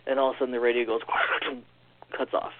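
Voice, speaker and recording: A man telling a strange personal story in a casual, animated way, acting out what others said, on a phone-like recording. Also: medium pitch, slight background noise. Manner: animated, quick storyteller acting out quoted lines. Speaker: podcast guest. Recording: tinny phone-like line.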